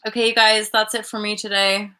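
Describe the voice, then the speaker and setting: A woman in her thirties hosting a casual live chat from a bedroom, chatty and animated, full of likes and restarts, heard through a webcam mic. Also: mid-range voice, fairly quick, clean tone. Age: 30s. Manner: animated, gestures a lot, laughs often. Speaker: livestream host. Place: bedroom indoors. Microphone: webcam at desk distance.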